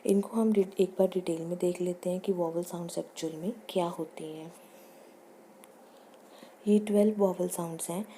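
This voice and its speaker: A woman teacher giving a recorded lecture on pronunciation, reading lines slowly and explaining them in Hindi. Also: on the low side, steady tone, dark tone, a little hiss or hum. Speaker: teacher educator.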